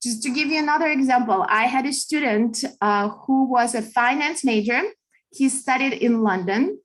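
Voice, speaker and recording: A woman's voice: fairly high pitch, normal speed. Upbeat Russian-born woman advisor, video call. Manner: upbeat, chatty, many fillers. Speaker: study abroad advisor. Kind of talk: online information session.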